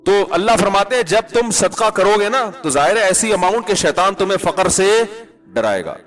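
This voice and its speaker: A male Islamic scholar giving a conversational sermon, lively and wry, asking rhetorical questions and chanting Arabic verses now and then. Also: high voice.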